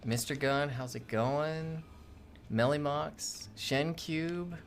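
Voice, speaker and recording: A man co-hosting a gaming livestream chats casually and greets viewers by name, often fumbling the pronunciations. His voice is fairly high and slow, and he sounds upbeat. There's slight background noise.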